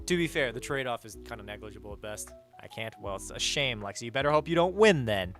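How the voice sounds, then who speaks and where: A man's voice: medium pitch, lively intonation, fast, a bit bright, faint music behind. A man streaming a game live, chatting crudely and joking with his chat, reading donations aloud. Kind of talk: casual live-stream chat while gaming. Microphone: headset mic.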